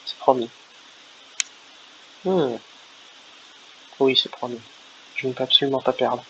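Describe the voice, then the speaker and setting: A man voicing a quiet, loyal giant of a friend, reading game dialogue aloud in a solemn, promising tone, on a lo-fi recording. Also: medium pitch, measured pace, close to an everyday voice. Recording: lo-fi with faint hiss.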